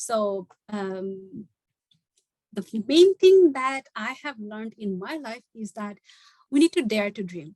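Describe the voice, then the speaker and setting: A woman's voice: on the high side, sing-song, measured pace, a little mellow, dry recording, rough recording. A Bangladeshi woman in her late twenties, giving an earnest online talk and switching between Bangla and English mid-sentence. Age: late 20s. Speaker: guest speaker. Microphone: video call.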